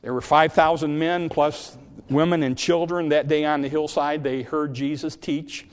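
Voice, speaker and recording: Male Sunday school teacher with a somewhat high voice, retelling stories with stumbling restarts. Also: steady tone, normal speed, in a large hall. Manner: storytelling, repeats words when starting sentences. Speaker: Bible class teacher.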